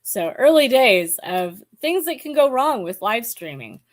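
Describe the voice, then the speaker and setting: A woman in her forties chatting casually about books to camera, hesitant and musing, with many pauses and ums. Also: a little high, sing-song. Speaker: book vlogger. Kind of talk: casual book chat to camera.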